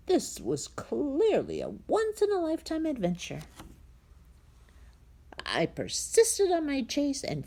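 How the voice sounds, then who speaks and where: A storybook reader performs a children's tale with dramatic suspense, her husky, breathy voice sinking into hushed tones. She speaks at a medium pitch.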